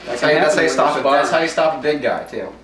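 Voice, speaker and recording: Rambling fast-talking young man. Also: on the high side, lively intonation, music in the background. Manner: rambling storyteller with many fillers and restarts. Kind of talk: casual chat at a family gathering. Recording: echoey room from a distance with noise.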